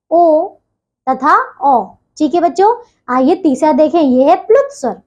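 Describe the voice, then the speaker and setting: A woman teacher giving a recorded grammar lesson to children, patiently spelling out sounds and examples and often pausing to reassure them. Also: very high-pitched. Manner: patient, repeats a stock phrase of reassurance.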